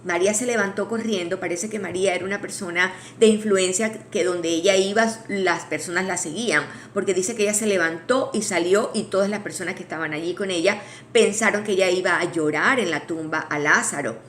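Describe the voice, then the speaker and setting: A woman teaching a Bible study in a conversational way. She restarts phrases, adds asides to her listeners, and slows down to read scripture aloud. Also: fairly low pitch, fairly bright tone, a little hiss or hum. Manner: reads scripture aloud slowly.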